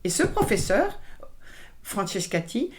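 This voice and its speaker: A woman's voice: medium pitch, big pitch swings, a little slow. A woman violinist answering interview questions, speaking with many hesitations, fillers and restarts. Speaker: violinist guest. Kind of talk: conversational interview.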